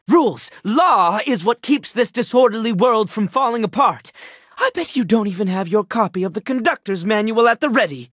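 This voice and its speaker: A stern cookie officer in a game, very husky and breathy. The delivery is pompous and scolding, with dramatic, lively pitch swings in a dry recording. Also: female voice, no room sound. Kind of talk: video game cutscene voice acting.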